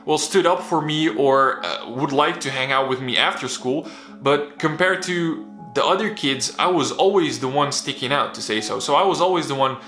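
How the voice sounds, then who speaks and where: Soft background music accompanies a young man, Bosnian by first language and raised in the Netherlands, as he earnestly relates a personal motivational story in a casual, candid vlog. He talks at normal speed in a sharp, somewhat high voice, and the sound has a roomy echo.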